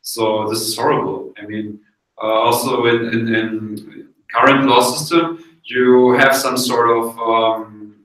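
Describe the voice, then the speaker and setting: A man who speaks English as a second language in an informal discussion, halting and searching for words as if translating in his head. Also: medium pitch, fairly even intonation, a bit bright. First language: not English. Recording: very echoey room, distant mic.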